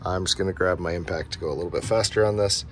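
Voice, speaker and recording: Low voiced guy walking thru a home repair step by step, casual, noisy basement. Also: quick pace. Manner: informal, step-by-step explaining. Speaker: DIY video host. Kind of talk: casual how-to repair narration. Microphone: handheld camera's microphone. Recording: background noise from basement furnace room.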